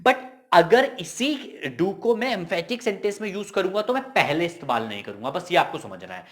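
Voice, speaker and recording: A man teaching English grammar in a casual, emphatic lesson. He repeats key points as quick questions and slips in jokey asides. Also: sits high, very animated.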